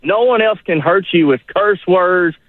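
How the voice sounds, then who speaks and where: Over a thin, tinny phone connection, a radio caller spins casual, down-home stories. He speaks at a moderate pace in a high-sitting voice, and there's no room sound.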